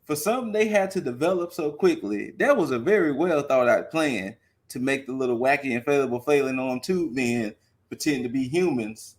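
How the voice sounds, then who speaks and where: A man's voice: medium pitch, lively intonation, normal speed. A man co-hosting a podcast, chatting casually about a movie and retelling its scenes in an easygoing way. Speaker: podcast co-host. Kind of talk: casual movie review chat.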